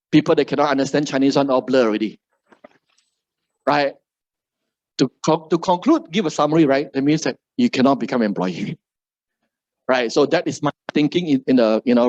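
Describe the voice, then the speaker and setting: With a medium-pitched, slightly mellow voice, a middle-aged motivational speaker from Malaysia talks to a live seminar crowd in Malaysian English, closing almost every phrase with "right?". The recording is dry, and its highs are cut off.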